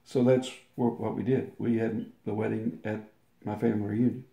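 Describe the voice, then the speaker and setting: On the low side and level, his warm voice shows vocal fry at a moderate pace. The older interview guest rambles through a long personal anecdote as casual storytelling, with restarts and acted-out quotes, and roomy echo around him.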